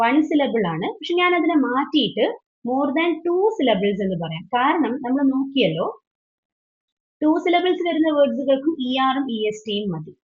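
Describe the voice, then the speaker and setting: A woman teaching an online English grammar class, patient and questioning, often switching into English as she explains. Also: high-pitched. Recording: dull lo-fi online call audio.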